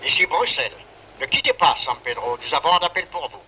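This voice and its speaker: Switchboard operator, fast, very bright tone, old telephone line, faint hiss. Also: medium pitch, expressive. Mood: formal. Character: brisk male switchboard operator. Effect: heard over an old telephone line.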